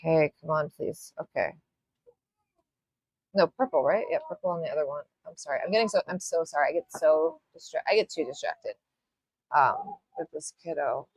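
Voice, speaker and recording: Low, lively woman chatting through a tutorial. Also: normal speed, slightly rough, no room sound. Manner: rambling, chatty and apologetic; casual, with mild swearing. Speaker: nail art tutorial host. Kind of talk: live-stream tutorial chat.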